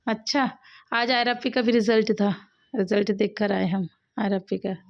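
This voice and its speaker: This Indian mother and family vlogger speaks from inside her home in a chatty, casual way, addressing viewers directly as "guys." Her mid-range voice is gravelly and unhurried, with fairly even intonation. The audio is a dull, lo-fi home recording.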